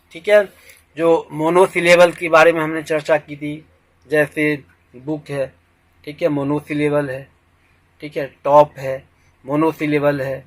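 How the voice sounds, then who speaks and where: A man talks through a vocabulary lesson at a very unhurried pace. His voice is bright and a little high for a man. He leans on the same phrase again and again and breaks words apart slowly as he drills them. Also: dry recording, poor audio. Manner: lecturing, repeats "ठीक है", mixes English phrases; boastful about his own teaching. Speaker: English teacher. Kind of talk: Hindi-language lecture.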